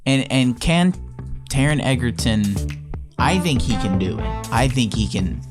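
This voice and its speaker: A man's voice: medium pitch, expressive, a little slow, music in the background. A man co-hosting a casual podcast, eager and chatty. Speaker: podcast co-host.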